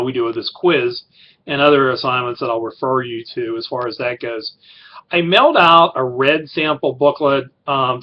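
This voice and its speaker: A middle-aged man introduces his college writing course at mid pitch. He rambles and corrects himself, dropping fillers as he goes. The recording sounds slightly muffled and lo-fi.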